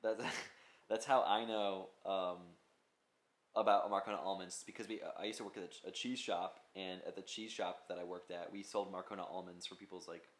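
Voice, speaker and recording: A man's voice: deep voice, fairly even intonation, moderate pace, slight background noise. Rambling young man in a roomy room. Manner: rambling, swears freely, lists things off. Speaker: podcast co-host. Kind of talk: casual chat. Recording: roomy echo.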